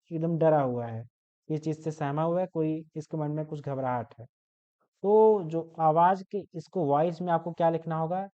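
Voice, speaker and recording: A man's voice: a little high, mellow, clean tone. Young man, teacher, online class lecture, explains with examples, checks in often, muffled lo-fi sound. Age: 20s.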